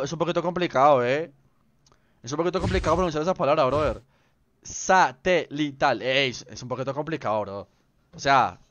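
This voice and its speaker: A man's voice: a little high, a bit bright, a little hiss or hum. A young man chatting casually with viewers on a game livestream, playful and rambling, full of slang. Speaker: streamer. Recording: slightly dull lo-fi stream audio.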